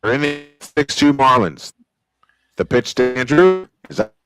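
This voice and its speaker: An American sportscaster delivers live, old-school baseball play-by-play from a small home-style studio, weaving casual asides into his calls. His medium-pitched voice is animated and measured in pace, with music in the background and low recording quality.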